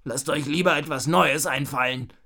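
A man voicing a grumpy, stout robber knight stuck in his armor, shouting and growling his complaints. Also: a little high, normal speed, creaky.

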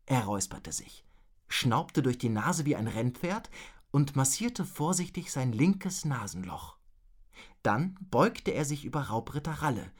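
A man narrating a children's story from a script in a slow storytelling way. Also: mid-range voice. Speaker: audiobook narrator.

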